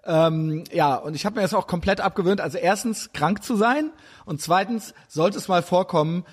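Husky high-voiced man in blunt chat. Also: moderate pace. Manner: blunt, rambling, self-mocking. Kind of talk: casual chat.

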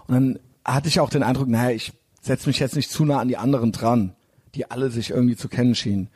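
A man's voice: mid-range voice, fairly even intonation, fast, darkish tone, husky. A man casually telling a rambling, slangy anecdote full of fillers. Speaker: storyteller.

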